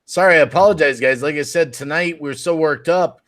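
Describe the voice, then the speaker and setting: A man's voice: on the high side, a little fast, fairly bright tone. A man co-hosting a live stream in casual, joking chat.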